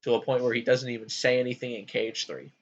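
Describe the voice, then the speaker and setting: A man hosting a casual gaming chat, talking in an animated way with frequent ums. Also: medium pitch, fast, muffled recording. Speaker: podcast host ranking game worlds.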